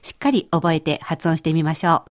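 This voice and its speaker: A woman's voice: low-pitched, brisk. A woman co-hosting a scripted language lesson, explaining phrases in a conversational way. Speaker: language teacher co-host.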